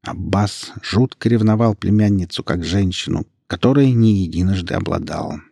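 A man narrating a story in a steady, even reading voice. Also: deep voice, normal speed, creaky, breathy edge, dry recording, studio quality. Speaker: audiobook narrator. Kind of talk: scripted narration.

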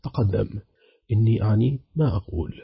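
A man's voice: on the low side, expressive, fairly quick, vocal fry, slightly rough, dry recording, lo-fi sound, heavily acted. A man reading as an icy, mocking betrayed husband. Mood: cold mocking. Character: cold sarcastic betrayed husband, middle-aged man.

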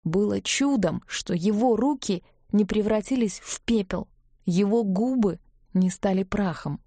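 Woman narrator with a mellow voice. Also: medium pitch, a little slow, no room sound, studio quality. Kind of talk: audiobook narration.

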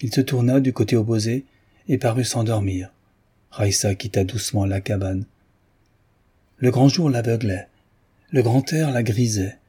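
A man giving a steady, measured audiobook narration of a classic novel. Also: medium pitch, slightly rough. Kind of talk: scripted narration.

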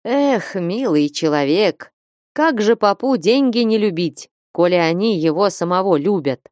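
A woman voicing a gruff old male church watchman, a retired soldier who speaks in a surly, blunt peasant manner. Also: medium pitch, lively intonation, measured pace, a little mellow, no echo, studio quality, lightly acted. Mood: chatty.

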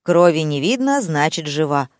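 A woman voicing a gruff, unflappable male worker who talks flat and dismissive. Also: sits low, moderate pace, no room sound, clean studio sound.

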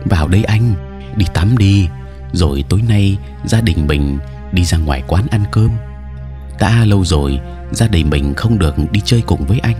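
A man voicing a gentle, caring young mother in an audio story, speaking softly and coaxingly. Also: deep voice, expressive, normal speed, music in the background. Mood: welcoming. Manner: soft, coaxing.

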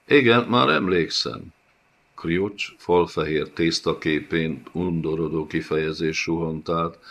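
A man reading a fantasy audiobook in a measured, calm scripted narration. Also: low-pitched.

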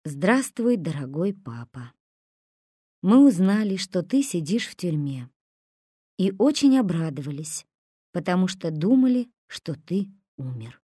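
Woman doing a gentle patient crook guy, reads stuff out, voice jumps around. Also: on the low side, sing-song, unhurried, slightly rough, no echo, studio quality, exaggerated voice. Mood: reading. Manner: soothing, reading a letter aloud.

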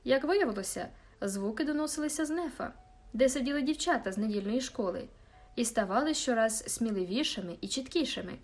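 A woman narrating a classic novel as an audiobook, reading in a calm storytelling manner. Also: on the high side, a little fast. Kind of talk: scripted narration.

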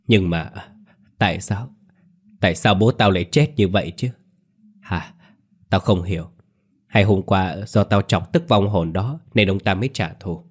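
Man reading as a distraught young son, deep voice, choked halting words. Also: breathy edge. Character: grieving young man, shaken and desperate.

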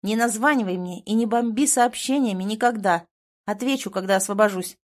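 A woman's voice: mid-range voice, brisk, natural voice. A woman voicing a blunt, irritated young man in an audiobook, speaking in a curt, exasperated way. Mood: angry, curt. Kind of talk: audiobook character voice.

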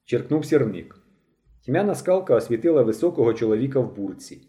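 A man reading a novel aloud as an audiobook narrator, with an expressive, dramatic delivery. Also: mid-range voice, fairly quick.

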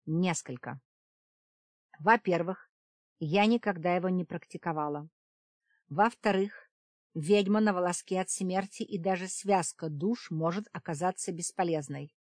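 Brief: blunt young witch dabbling in necromancy, read by a woman, brisk and matter-of-fact, low-set voice, dry close audiobook sound. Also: no echo, close to an everyday voice. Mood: grim. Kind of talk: audiobook character reading.

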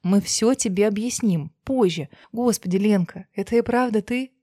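A woman voicing an emotional young woman who speaks briskly. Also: medium pitch, dark tone, no room sound, clean studio sound, lightly acted.

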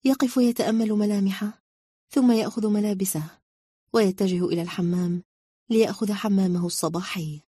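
A woman narrating a story in a calm, measured reading style. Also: medium pitch, breathy edge, no echo, clean studio sound.

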